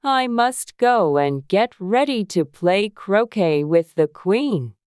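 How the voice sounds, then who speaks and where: A woman's voice: medium pitch, lively intonation, slow, a little mellow, clear, resonant tone, no echo, studio quality. The Duchess, a woman as a swooping, brusque noblewoman. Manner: curt, scolding, theatrical. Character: Duchess, brusque, bad-tempered, bossy noblewoman. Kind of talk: dramatized storybook audiobook.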